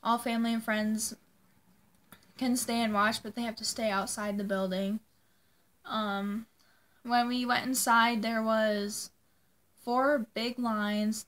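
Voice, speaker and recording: A young woman vlogger tells viewers a personal story in a casual, informal way, constantly dropping "like" into her sentences. Her voice is on the high side and a bit bright.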